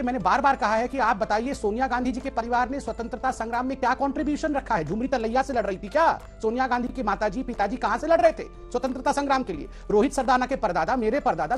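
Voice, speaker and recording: A man arguing as a panelist in a heated TV debate, combative and indignant. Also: extremely high pitch.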